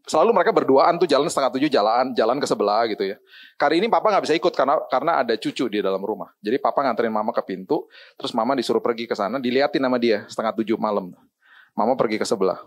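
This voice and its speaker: A man's voice: medium pitch, rapid-fire. A middle-aged man, a pastor, preaching a sermon and telling a family story, sometimes slipping into English phrases and acting out the people he quotes.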